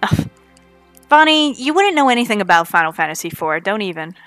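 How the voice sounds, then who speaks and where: This Canadian speaker, carrying a hint of Newfoundland in her accent, narrates her speedrun live in a playful, chatty way and jokes with chat. Her mid-range voice is very animated, a bit bright and a little quick, recorded dry with soft music underneath.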